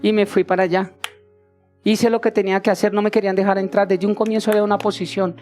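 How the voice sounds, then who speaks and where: A man in his forties preaching a sermon, telling a personal story with lively acted-out dialogue. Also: high-pitched, quick pace. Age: 40s. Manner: animated storytelling, acting out quoted voices. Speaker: pastor. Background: faint instrumental music.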